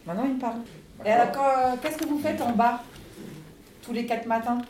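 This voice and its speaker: A woman's voice: a little high, brisk, darkish tone. A woman teacher answering interview questions in a chatty, teasing way, laughing often. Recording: echoey room, distant mic, faint noise.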